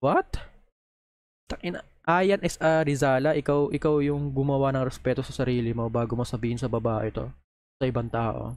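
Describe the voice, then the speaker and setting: A man's voice: medium pitch, fairly even intonation, moderate pace, a little mellow. A man reacting on video in a heated, profane, scolding rant, talking straight into a close microphone. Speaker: video creator reacting to posts.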